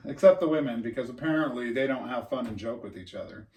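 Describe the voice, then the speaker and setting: A man's voice: medium pitch, quick pace, darkish tone, recorded from a distance. A man co-hosting a podcast in casual chat, rambling and laughing at his own jokes. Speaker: podcast co-host.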